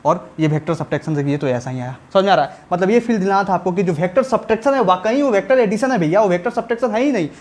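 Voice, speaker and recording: A man teaching a physics lesson in a chatty, colloquial way, often pausing to ask whether the students follow. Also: high voice, a little mellow. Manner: repeats checks for understanding, chatty and colloquial. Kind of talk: classroom lecture at a whiteboard.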